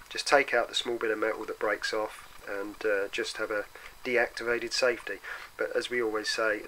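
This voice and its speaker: Gravelly man with a cold, bright tone. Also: a little hiss or hum, low-quality recording. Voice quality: gravelly, deeper than usual from a cold. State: bad cold and sore throat. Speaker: product reviewer for an airsoft custom shop. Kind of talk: casual hands-on product review.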